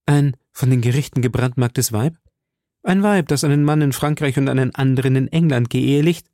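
A man voicing a proud, fearless young musketeer who speaks earnestly and forcefully. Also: medium pitch, brisk, no echo, clean studio sound, pitched above the performer's own voice, close to an everyday voice. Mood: defiant.

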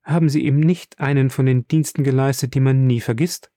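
Man reading as an earnest young gentleman. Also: medium pitch, fairly even intonation, a little fast, dry recording, clean studio sound, lightly acted. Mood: earnest, urgent. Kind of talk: audiobook character reading.

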